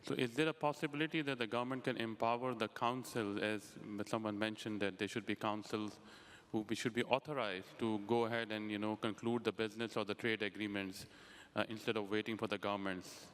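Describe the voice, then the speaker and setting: Man audience questioner, lowish resonant voice, slightly hesitant, hall reverb. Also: little pitch movement, brisk, a bit bright, smooth. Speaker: audience member. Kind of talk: asking a question at a forum.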